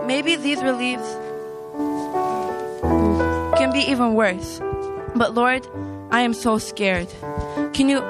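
A young woman acting a frightened believer in a church stage play, pleading anxiously and repeating words, with piano music behind. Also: sits high. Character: frightened young woman doubting her faith.

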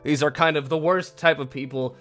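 A man's voice: on the high side, steady tone, a little fast, a bit bright. A man hosting a casual commentary video, reading online posts aloud with a friend and laughing often. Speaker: channel host.

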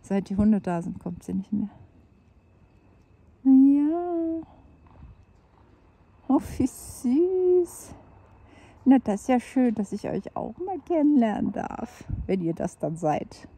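A chatty older woman vlogging casually, often dropping to a soft whisper as she talks to cats and dogs, filmed on a handheld phone. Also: medium pitch, animated, normal speed, creaky, few pauses, husky. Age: 60s. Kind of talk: casual vlog chat. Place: outdoors, then at home at night.

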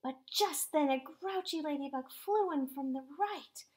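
A woman teacher hosting a children's story time, reading aloud in an animated, sing-song way and sometimes dropping to a whisper. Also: sits high, normal speed.

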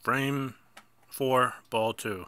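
Playing a bowling game on his phone, a male gameplay host with a stuffy nose keeps up relaxed, self-mocking chatter and erupts at his misses. His voice is mid-range, steady, pushed, bright and smooth, delivered extremely slowly in a dry recording.

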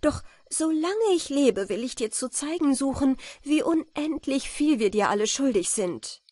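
A woman reading aloud and voicing a noble countess who speaks in a high, emotional way. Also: expressive, a little slow, a little mellow, dry recording. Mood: moved, joyful. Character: noble countess, tender and overjoyed.

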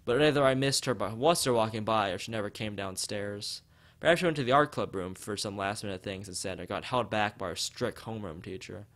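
This streamer is a man with a fairly low, slightly bright voice, reading a visual novel's text aloud and adding casual asides. He often stumbles and repeats phrases, and music plays behind his voice.

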